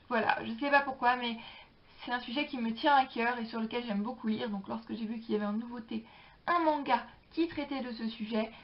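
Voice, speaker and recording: A woman's voice: fairly high pitch, a little hiss or hum. Chatty young woman, dull recording. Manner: chatty, hesitant with frequent fillers. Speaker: book vlogger. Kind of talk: casual book haul chat. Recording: dull lo-fi sound.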